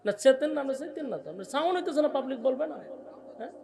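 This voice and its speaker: A man preaching who scolds and argues at an outdoor gathering with loudspeakers, ordering the sound operator around. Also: lively intonation, very fast, slight background noise. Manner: angry, scolding at high pitch. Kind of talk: sermon.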